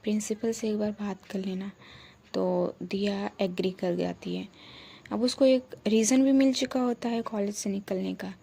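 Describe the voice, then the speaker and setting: A woman's voice: medium pitch, steady tone, normal speed, gravelly, warm tone, husky. A woman narrating a romance audio story in a chatty, casual way, framing each line of dialogue. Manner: chatty, repetitive framing of who says what.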